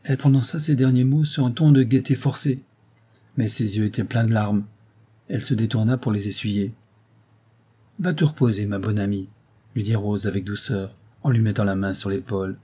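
A man narrating a novel in a measured, even reading. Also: on the low side, husky. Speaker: audiobook narrator. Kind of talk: scripted literary narration.

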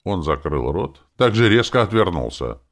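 A man's voice: low-pitched, sing-song, moderate pace. A man reading a first-person audiobook in a wry, sardonic manner. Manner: wry and sardonic, sharp character shifts. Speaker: audiobook narrator.

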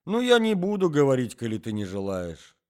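Brief: rambling wheezy old husband, voiced by a man, lively sing-song pitch. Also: a little fast. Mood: doddering chatter. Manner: rambling, wheezy, coughs often. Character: forgetful coughing old husband, doddering and chatty.

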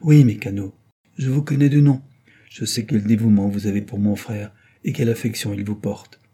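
A man's voice: lowish voice, steady tone, normal speed, warm tone, slightly rough. A man voicing a grieving, tearful male composer in an audiobook, speaking sorrowfully and earnestly.

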